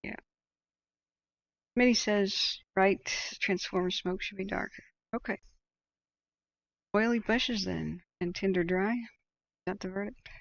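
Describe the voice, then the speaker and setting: Female American livestream host: off-the-cuff commentary, creaky voice, thinking aloud, slightly dull close recording. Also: mid-range voice, slow, long pauses, no room sound. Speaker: livestream host tracking wildfires. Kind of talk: casual live commentary, reading viewer comments aloud. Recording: dull, muffled close microphone.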